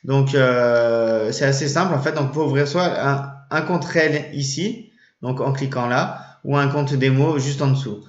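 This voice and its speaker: A man's voice: medium pitch, moderate pace. A man casually explaining to his viewers, hesitant and full of fillers and restarts. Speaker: trading channel host. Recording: roomy, dull lo-fi sound.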